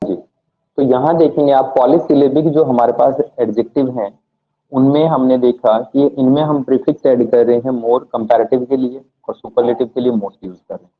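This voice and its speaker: A man's voice: mid-range voice, steady tone, moderate pace. A man teaching an English grammar lesson to a class. He asks questions and answers them himself, and spells words out letter by letter. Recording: tinny phone-like audio.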